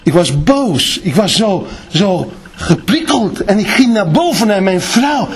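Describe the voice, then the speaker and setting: A middle-aged man preaching a sermon with passion, often shouting and with emotion in his voice. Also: sits high, sing-song, unhurried.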